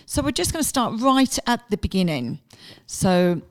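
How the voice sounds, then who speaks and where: A woman's voice: mid-range voice, very animated, normal speed. A woman hosting a podcast, chatting informally with her guest in a casual interview style. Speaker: podcast host.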